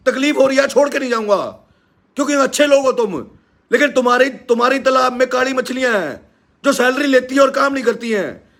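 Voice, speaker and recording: Haryanvi guy yelling on a live stream, super high voice, kinda gravelly. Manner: loud, indignant, scolding. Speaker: live-stream host and teacher. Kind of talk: angry live-stream rant.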